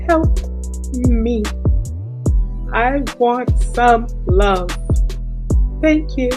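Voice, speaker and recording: A woman's voice: on the high side, lively intonation, drawn-out words, music in the background. A woman at a cast reunion, talking in a playful, dramatic way.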